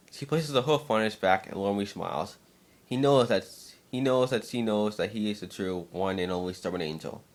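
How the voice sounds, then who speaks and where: A man with a fairly low voice gives a dramatic reading of a scripted fan-fiction story. He's expressive, though he stumbles over words now and then.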